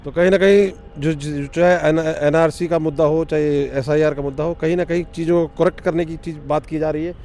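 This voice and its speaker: A male reporter puts questions to people on the street, nudging them along with short prompts. His voice sits a little high. Faint outdoor ambience lies behind him. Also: fairly even intonation, a little fast, hardly any pauses, warm tone, a little hiss or hum. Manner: prompting, frequent murmured agreement. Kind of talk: street interview.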